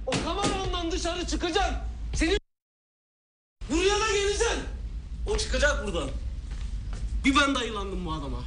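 A menacing, volatile sailor. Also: male voice, high-pitched, background noise. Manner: taunting, threatening, ranting. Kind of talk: film drama acting.

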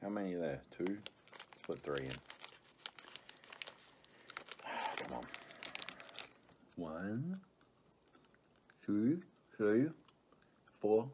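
A middle-aged man chatting casually to a camera on the table while eating sour candy, pausing and reacting as he tastes. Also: on the low side, very animated, warm tone. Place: small room indoors. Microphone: camera on the table in front. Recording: clear background noise, crinkling wrappers.

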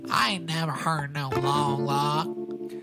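Nasal western outlaw villain, mean, drawling very slowly, guitar playing loudly behind. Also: male voice, on the high side, voice pushed up. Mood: sneering. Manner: slow sneering drawl, coarse western slang.

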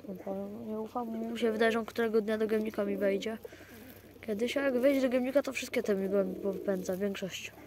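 A man keeping pigeons, talking casually to his viewers outdoors by the loft in a rambling way with many fillers and restarts. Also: high voice. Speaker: pigeon keeper. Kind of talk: casual vlog narration to viewers. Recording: outdoor noise with cooing pigeons. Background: pigeons cooing.

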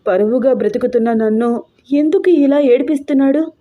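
A woman's voice: sits high, fairly quick, phone-quality sound, lightly acted. A woman voicing a troubled young married woman who pleads and breaks into tearful outbursts in an audio story. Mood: anxious.

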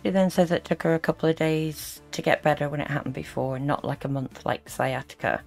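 Low-voiced disapproving woman commenting over music. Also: brisk, creaky, darkish tone. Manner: disapproving, sarcastic asides. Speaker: reaction video host. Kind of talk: critical reaction commentary.

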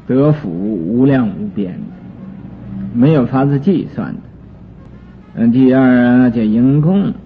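A man giving a Buddhist sutra commentary lecture, explaining terms slowly with many drawn-out fillers. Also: on the high side, slightly rough. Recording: tinny lo-fi recording with faint music.

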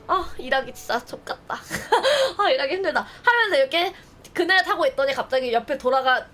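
High-voiced woman streamer chatting playfully. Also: pushed and bright. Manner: playful storytelling, acting out scenes with bursts of laughter. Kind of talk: casual chat with viewers.

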